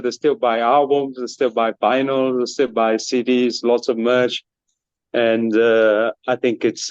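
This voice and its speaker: A man's voice: mid-range voice, a little mellow, dry recording, dull audio. A man from Botswana, a band member being interviewed, speaking earnestly with many fillers. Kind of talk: casual interview answers.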